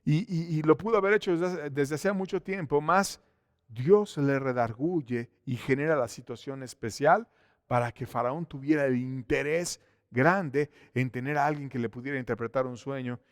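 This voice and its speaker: A man preaching a sermon in church, swinging between loud exclamations and hushed, intimate asides. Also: mid-range voice, normal speed, no room sound, studio quality. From Mexico. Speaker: pastor.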